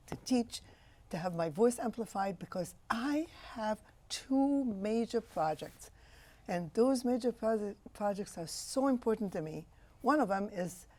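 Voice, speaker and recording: She is an Egyptian doctor in her sixties, speaking as an interview guest in a warm, mid-range voice. Her answers are phrased with passion and emphasis.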